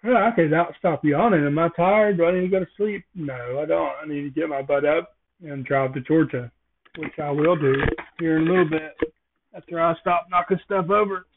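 A man's voice: a little high, steady tone, normal speed. A man hosting a casual solo podcast, rambling through jokey observational musings. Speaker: podcast host. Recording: tinny phone-like sound.

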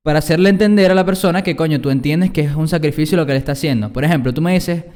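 Man explaining rules slowly in a reverberant room. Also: on the high side, a little mellow. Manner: explains slowly with acted examples. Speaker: podcast co-host. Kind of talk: casual podcast chat. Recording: hall reverb.

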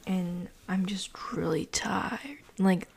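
A teenage girl hosting her own podcast, chatting casually about her week in a rambling, halting way with lots of fillers, often half-whispering. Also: medium pitch, creaky, breathy edge. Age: teens. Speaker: podcast host. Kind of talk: casual chat.

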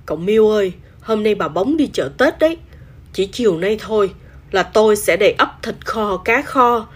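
A woman's voice: mid-range voice, lively intonation, moderate pace, breathy edge. A woman voicing a chatty old copper pot who speaks like a fussy uncle and clangs sound words, in a storybook reading.

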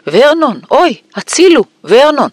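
A man doing a shrill, fretful aunt. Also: animated, a bit bright, dry recording. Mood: panicked. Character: nervous, shrill middle-aged aunt.

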